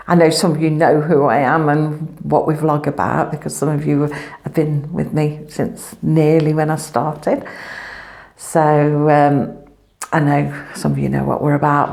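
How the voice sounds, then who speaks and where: A family vlogger with a low, darkish voice and vocal fry rambles chattily in a casual video. She's wearing a clip-on mic, and her voice echoes around an empty room at home.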